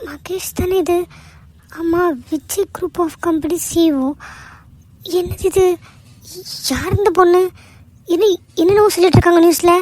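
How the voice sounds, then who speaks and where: A woman voicing a sharp-tongued, scolding middle-aged mother in a cartoon. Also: extremely high pitch, steady tone, measured pace, pauses often. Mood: alarmed. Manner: nagging, sarcastic. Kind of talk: cartoon voice acting.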